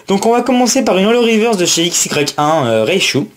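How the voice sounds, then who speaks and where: A man chatting casually through a card unboxing, excited, repeating words and filling pauses with "euh". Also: sits high, slight background noise. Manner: enthusiastic, repetitive exclamations and many fillers. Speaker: YouTuber opening trading card packs.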